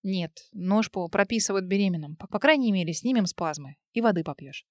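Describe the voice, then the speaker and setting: A woman's voice: mid-range voice, expressive, brisk, no room sound, clean studio sound, close to an everyday voice. A woman reading a firm, resolute woman friend. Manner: firm, reassuring. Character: resolute woman friend and crisis-center worker.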